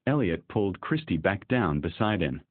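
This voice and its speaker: A man narrating a scripted romance story in a steady, even way. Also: low-pitched, normal speed, no room sound. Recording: dry, tinny phone-like sound.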